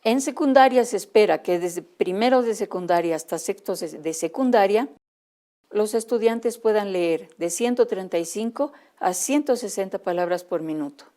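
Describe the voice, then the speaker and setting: Woman trainer, Bolivian accent, mellow and calm, clear explanatory lecture to teachers. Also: mid-range voice, normal speed. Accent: Bolivian Spanish. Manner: clear, explanatory, addresses teachers directly with examples.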